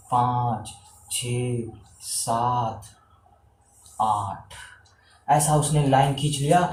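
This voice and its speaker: A man's voice: mid-range voice, darkish tone, a little hiss or hum. Hindi man teaching maths, echoey room. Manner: counting aloud while drawing lines, encouraging. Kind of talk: whiteboard maths lesson.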